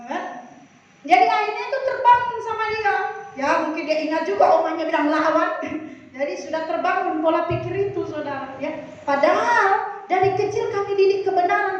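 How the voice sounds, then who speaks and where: A middle-aged woman pastor preaching a sermon, telling personal stories in a chatty way and acting out the voices in them. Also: very high voice. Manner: chatty storytelling, acts out voices in quotes. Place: church hall. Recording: echoey hall from far off, dull sound.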